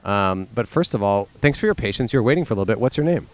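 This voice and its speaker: A man's voice: fairly low pitch, expressive, rapid-fire, a little hiss or hum. A man hosting a podcast outdoors, chatting in a playful, jokey way and reading an ad. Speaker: podcast host. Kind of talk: casual chat and ad read. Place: outdoors on a college campus.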